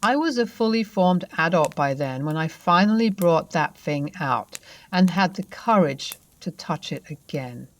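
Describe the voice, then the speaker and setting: A woman tells a first-person ghost story in a conversational, expressive manner, leaning on dramatic emphasis and pauses. Her voice sits on the low side.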